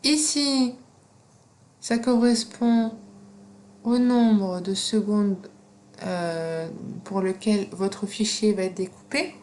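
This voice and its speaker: A woman with a non-native French accent walks students through a software tutorial at a slow, unhurried pace. She pauses often with fillers as she explains each step, recorded on a computer mic with faint background noise. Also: mid-range voice. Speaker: teacher.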